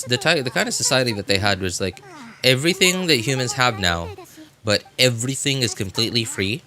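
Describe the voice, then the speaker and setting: A man with a mid-range voice and a sharp tone streams games, rambling casually in his livestream chat. He hesitates, searches for words and often says things twice.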